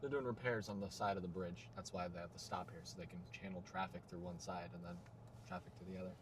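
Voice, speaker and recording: Low-voiced man chatting in a car. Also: fast talker, slight background noise. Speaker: chase partner reading chat. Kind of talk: casual chat in a car. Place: in a moving car.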